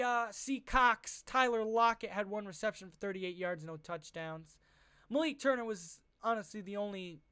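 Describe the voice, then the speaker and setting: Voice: medium pitch, a bit bright, clear, resonant tone, no echo. A football fan giving a casual, heavily profane and sarcastic recap over game footage, recorded close on a voice-over mic.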